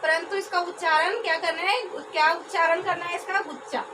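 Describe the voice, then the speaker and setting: A young woman trainee teacher giving a classroom lesson, speaking slowly, repeating words and answering her own questions. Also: very high voice, fairly even intonation. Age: young adult. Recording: distant mic with background noise.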